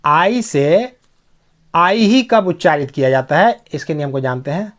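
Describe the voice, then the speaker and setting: A man teaches English pronunciation in a deliberate, unhurried way. His voice sits a little high for a man, and he spells each word out letter by letter and repeats it. He keeps checking that his students are following along. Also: animated, fairly bright tone.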